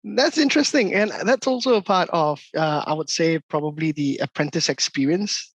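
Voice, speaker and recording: A host from Singapore with a Singaporean accent, asking rambling questions in a relaxed, conversational way. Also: mid-range voice, moderate pace, dry recording. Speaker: interview host. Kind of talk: casual interview.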